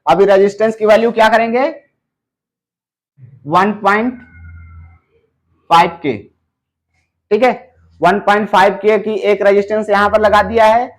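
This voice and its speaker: High-voiced man teaching circuit repair. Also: level tone. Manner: explains slowly, filling gaps with "theek hai" and "doston". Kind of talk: step-by-step technical tutorial.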